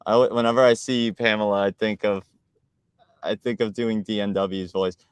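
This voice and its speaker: A man with a low, smooth and resonant voice talks on a casual live stream. He is talkative and argumentative, and he laughs often. The sound is dry and close. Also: steady tone, moderate pace, dry recording.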